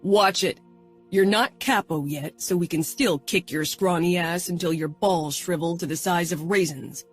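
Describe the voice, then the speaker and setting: Woman doing a guarded older brother, curt and firm, soft music behind. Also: fairly low pitch, normal speed, slightly rough.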